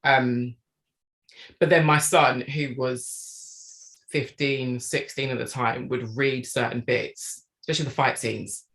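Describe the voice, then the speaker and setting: A woman's voice: extremely low pitch, steady tone, takes it slowly, fairly bright tone. A middle-aged woman, an author chatting reflectively as a guest on a live stream.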